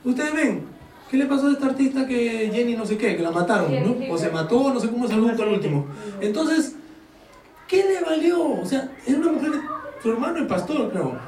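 A male pastor preaching a sermon to his congregation, animated and joking, firing rhetorical questions at them. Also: extremely high pitch, a little fast, a crowd in the background. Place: church hall. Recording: echoey hall, voice from far off.

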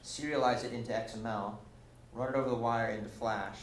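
With a mid-range voice and fairly even intonation, a young man talks fairly quickly through a casual technical meetup presentation, filling it with ums and restarts. The recording comes from a far camera in a lecture room, echoey and faintly hissy.

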